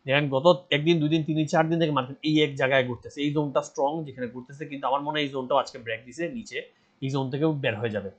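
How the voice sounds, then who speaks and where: A man's voice: mid-range voice, fairly even intonation, racing. A man from Bangladesh giving casual stock market commentary, earnest and insistent, repeating his advice. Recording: dull lo-fi voice recording.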